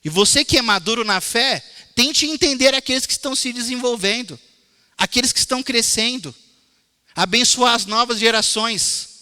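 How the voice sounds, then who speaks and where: Male pastor from Brazil, very high, piercing voice, lively sermon in a reverberant church hall. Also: normal speed, clean tone. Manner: animated storytelling, addresses congregation as brothers. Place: church sanctuary.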